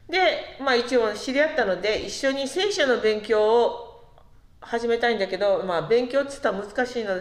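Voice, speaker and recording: A woman delivers a sermon in a conversational way and often turns to ask the congregation questions. Her voice sits fairly high and swings widely, and she draws out words for emphasis. The room is echoey. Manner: conversational, asks the listeners questions, slows down to stress words. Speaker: preacher.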